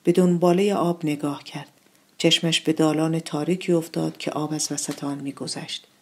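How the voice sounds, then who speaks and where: A woman reading her own short story aloud in a calm, measured way. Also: low voice. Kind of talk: literary narration.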